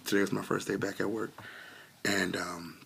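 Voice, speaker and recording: A man's voice: low-pitched, little pitch movement, moderate pace, creaky, a bit bright, slight background noise. A man telling a heartfelt personal testimony in a casual way, with many fillers, close to tears and still coughing a little. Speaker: vlogger sharing a testimony.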